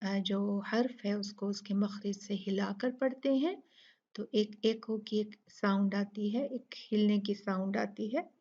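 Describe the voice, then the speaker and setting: A woman's voice: medium pitch, fairly even intonation, darkish tone, muffled recording. A woman with an Urdu-speaking accent teaching recitation rules, explaining patiently and drawing out each recited word. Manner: slow, patient explaining, drawn-out recitation of words. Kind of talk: tajweed lesson.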